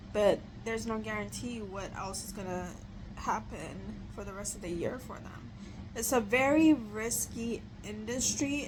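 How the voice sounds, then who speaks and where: A woman's voice: mid-range voice, noisy background. A woman chatting casually as a vlogger, rambling with lots of filler words, who pronounces her R sounds like W. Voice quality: speech impediment on R sounds, says w for r. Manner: rambling, filler-heavy with "like" and "you know".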